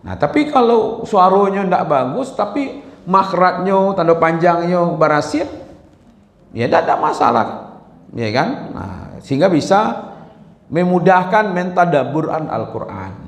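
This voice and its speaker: A man's voice: sits high, very animated, a little slow. A man giving an informal Quran lesson, talking conversationally, checking in with listeners and chanting short verses as examples. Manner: conversational, asks the audience "ya kan?" often. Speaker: Quran study teacher. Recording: roomy hall echo.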